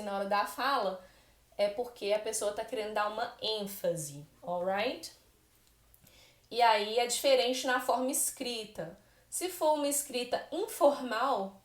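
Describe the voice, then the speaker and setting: Brazilian woman teacher, bright-pitched voice, echoey classroom sound, patient explainer. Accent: Brazilian Portuguese. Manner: explains patiently with frequent "né?" and "tá bom?" check-ins. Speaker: English teacher. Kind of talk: classroom-style grammar lesson. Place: room where she writes on a board.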